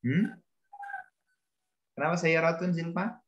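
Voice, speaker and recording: A man's voice: on the high side, slow, a bit bright, reverberant, muffled recording. A male teacher giving a grammar lesson, explaining patiently, repeating examples and calling on students by name. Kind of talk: classroom lesson.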